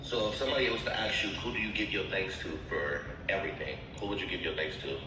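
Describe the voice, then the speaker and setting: A man's voice: low voice, quick pace. A man asking the questions in a casual Q&A, teasing and slangy, swearing as he talks. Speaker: guest interviewer. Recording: very echoey, far from mic, music behind.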